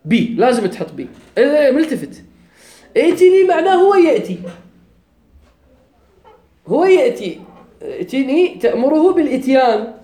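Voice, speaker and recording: A man with a Kuwaiti accent lectures on grammar, laying out each point step by step. His voice moves up and down animatedly as he pauses to check his students are following. The room around him rings with echo. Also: very high-pitched, big pitch swings, mellow. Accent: Kuwaiti Arabic. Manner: explains step by step, often checks understanding. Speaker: grammar teacher. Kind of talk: classroom lecture. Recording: echoey room.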